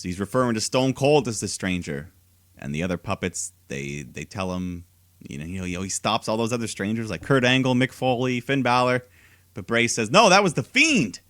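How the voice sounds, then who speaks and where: A man's voice: lowish voice, fairly bright tone, no echo, clean studio sound. A man co-hosting a podcast, recapping wrestling shows in a laid-back casual way and laughing often. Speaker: podcast co-host.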